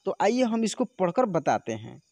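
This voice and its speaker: A man teaching a lesson, patiently explaining and then reciting syllables one by one, saying one softly and the next with force. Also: sits high, big pitch swings, normal speed, vocal fry, no room sound. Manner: patient, repeats syllables with alternating soft and forceful stress.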